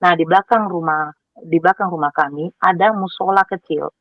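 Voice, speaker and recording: A woman telling her personal story with animated emotion, acting out what people said and repeating words as she goes. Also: lowish voice, brisk, no echo. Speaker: guest sharing her conversion story. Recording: dry, tinny phone-like sound.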